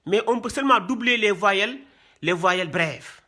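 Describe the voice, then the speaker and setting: High, sharp-voiced male teacher. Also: animated, normal speed. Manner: repetitive, drills terms, asks "voyez bien" and "hein". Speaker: Quran reading teacher. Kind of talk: classroom lesson.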